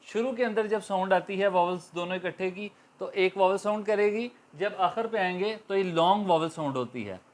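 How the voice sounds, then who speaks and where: Man, high-pitched, Pakistani accent, patient teacher, repeats and stretches example words. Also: moderate pace, hardly any pauses. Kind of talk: classroom grammar lecture.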